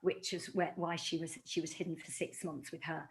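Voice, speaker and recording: A woman's voice: sits low, moderate pace, a little hiss or hum. A middle-aged woman from London, an author giving a talk to a community audience, telling stories with animation and acting out quoted exchanges. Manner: animated storytelling, acts out quoted dialogue.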